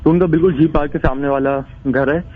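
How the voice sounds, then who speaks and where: A man's voice: a little high, steady tone, fast talker, husky. A man calling in to tell a ghost story in a rambling, casual way, with many restarts. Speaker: caller. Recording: tinny phone line.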